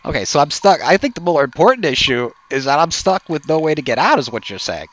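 A man improvising a comedy sketch, exasperated and deadpan. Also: on the high side, fast talker. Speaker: comedy podcast co-host.

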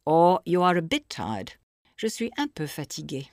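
A woman narrating a scripted audio language lesson, explaining phrases slowly and clearly for the listener to repeat. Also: sits low, very animated, heavy background noise. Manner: slow, clear teaching delivery with pauses for repetition.

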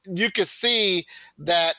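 Man co-host, raised pitch, very bright, lively and emphatic, dry sound. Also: slow pace, no room sound. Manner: emphatic, eager to correct and add detail. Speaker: podcast co-host. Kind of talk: casual sports chat.

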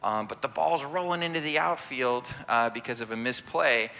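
A man's voice: medium pitch, normal speed, gravelly, sharp tone. A man leading a church sermon as families ministry director, preaching conversationally and often asking "right?" to draw in listeners. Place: church sanctuary.

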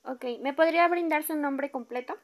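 A woman's voice: high voice, normal speed, natural voice. A woman with a Mexican accent playing a courteous complaints officer in a role-play, using a polite, formal customer service voice. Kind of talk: amateur acted role-play.

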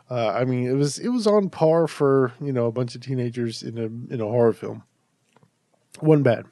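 On his laid-back horror review podcast, a host with a medium-pitched voice sounds mellow and a touch nasal, like allergies have him congested. His talk is chatty and meandering, full of restarted sentences, and the audio is close and dry with no room sound.

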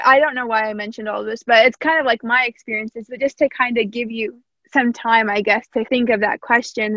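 A young woman from Indiana, USA, with a slight Southern American accent hosts a casual interview, thoughtful and rambling. Her voice is on the high side and fairly bright, recorded lo-fi with no room sound.

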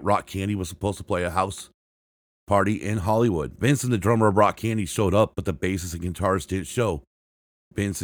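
A podcast host with a low voice reads rock history aloud from a script, with no room sound. He frequently restarts and corrects himself, and he announces quotes with "and I quote" and "end quote."

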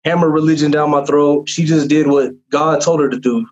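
A man's voice: a little high, fairly even intonation, a little fast, a little mellow. A young man tells his personal testimony in a casual chat, in an earnest, rambling way with many fillers and restarts. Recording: dull lo-fi sound.

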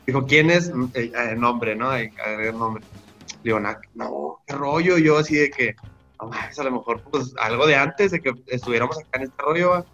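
A man's voice: medium pitch, moderate pace, a bit bright, soft background music. A young man with a Mexican accent telling a long, rambling story in slangy casual chat on a podcast. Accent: Mexican Spanish. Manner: rambling, slangy, full of restarts. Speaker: podcast guest.

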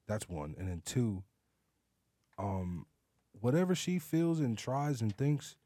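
A man's voice: mid-range voice, big pitch swings, slow, dark tone, dry recording. A man as a podcast guest, laid-back and slangy, swearing often. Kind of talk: casual podcast chat.

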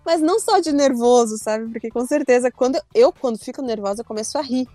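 A young woman recounts a story in casual chat, high-pitched and animated. She acts out her own shouts and quotes. The sound is close and dry, with faint music under it. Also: a little fast, dry recording. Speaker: storyteller guest.

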